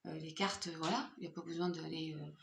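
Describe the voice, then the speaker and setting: A woman's voice: sits low, fairly even intonation, fast talker, creaky, echoey room, a little hiss or hum. A woman doing a casual, playful card reading for her viewers, chatty with many fillers. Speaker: tarot card reader.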